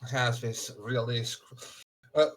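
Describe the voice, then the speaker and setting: A man narrating a tabletop game as game master, improvising haltingly and searching for words. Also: mid-range voice, fairly even intonation, fairly bright tone.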